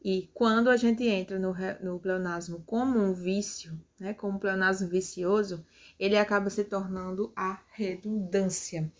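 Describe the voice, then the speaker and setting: A woman's voice: mid-range voice, fairly even intonation, moderate pace. A woman teaching a grammar lesson, explaining patiently step by step. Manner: explains step by step with tag questions.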